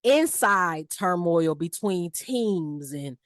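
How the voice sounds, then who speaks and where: Woman co-host, animated and slangy, dry close sound. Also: lowish voice, takes it slowly, no echo. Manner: animated, slangy, playful voices for players. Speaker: podcast co-host. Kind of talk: casual sports chat.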